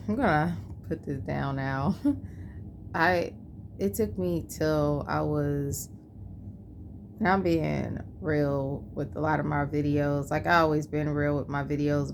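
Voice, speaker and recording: Tired twenties woman vlogging, rambly, keeps losing her thought, low gravelly voice. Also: background noise. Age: 20s. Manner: rambling, loses her train of thought, many fillers. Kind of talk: candid personal vlog.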